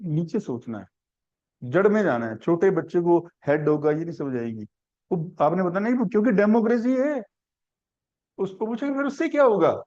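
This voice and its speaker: A man's voice: sits high, sing-song, moderate pace, dark tone, dull audio. A man teaching a civics class, asking questions and building the answer step by step through simple examples. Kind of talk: classroom lecture.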